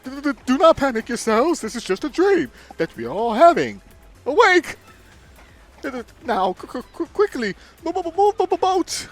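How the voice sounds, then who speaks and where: A man's voice: very high voice, very animated, moderate pace, fairly bright tone, faint music behind, heavily acted. Man putting on a flamboyant, boastful adventurer, wildly swooping. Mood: panicked, blustering. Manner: grandiose, theatrical, stammers when frightened. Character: flamboyant boastful male merchant adventurer, vain, panicky.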